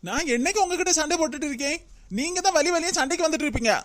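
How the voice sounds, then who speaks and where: A performer voicing a sharp-tongued young daughter-in-law in a cartoon, speaking with a Kanyakumari Tamil accent in a scolding, defensive way. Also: high voice. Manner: scolding, defensive, quick retorts. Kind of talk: cartoon voice acting.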